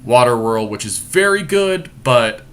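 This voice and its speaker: Here the drafter has a medium-pitched, fairly bright voice that swings widely in pitch and runs a little slow. Casually musing as a podcast co-host, he explains each card pick analytically, and the amateur screen-capture recording carries faint noise.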